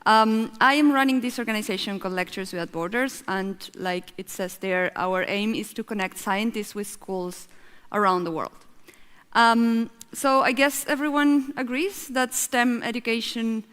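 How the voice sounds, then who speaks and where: A woman from Argentina who heads a science nonprofit gives an earnest, explanatory conference talk at a measured pace. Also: fairly high pitch, a bit bright, smooth. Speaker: festival speaker, head of a science nonprofit. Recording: long hall reverb.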